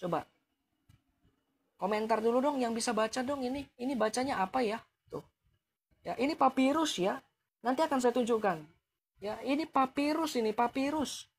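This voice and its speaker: A man's voice: very high voice, moderate pace, long pauses, a little hiss or hum. Man taunting viewers on a live stream. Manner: taunting, challenging with rhetorical questions; chuckles mockingly between points.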